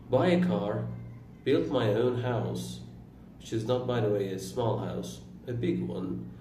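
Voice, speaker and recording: A vlogger in his twenties from Iran, whose first language is Turkish, gives a reflective personal monologue about his life. He speaks slowly and haltingly, pausing and correcting himself, in a medium-pitched, warm voice. The mic is distant and the sound roomy, with faint room noise.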